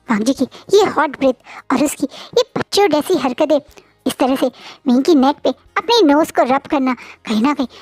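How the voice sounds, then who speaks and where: A woman's voice: high voice, dry recording. A woman retelling a fan story in a chatty, casual way with conversational asides.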